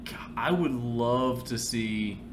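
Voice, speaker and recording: A man's voice: mid-range voice, takes it slowly, noisy background. A man co-hosting a podcast in casual, comedic chat, playful and full of jokes and mock ads. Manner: playful, joking, tosses out mock ad bits. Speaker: podcast co-host.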